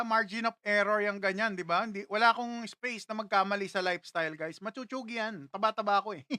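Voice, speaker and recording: A man's voice: high-pitched, sharp tone, clean tone, no room sound, clean studio sound. A young Filipino man casually chatting on a livestream, reading out viewer comments and laughing often. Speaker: livestream host.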